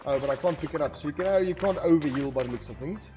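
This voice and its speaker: A man's voice: fairly high pitch, racing, noisy background. A man giving casual let's-play commentary, thinking aloud and saying 'okay' a lot. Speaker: gaming video creator. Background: faint game music.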